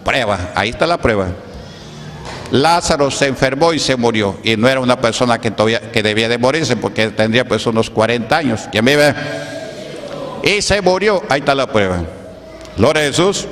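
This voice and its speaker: A man preaches a Pentecostal sermon at a mid-range pitch. He keeps throwing rhetorical questions at his congregation. His voice rings with the long echo of a church hall. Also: expressive, normal speed, fairly bright tone, slight background noise. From Peru. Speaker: pastor.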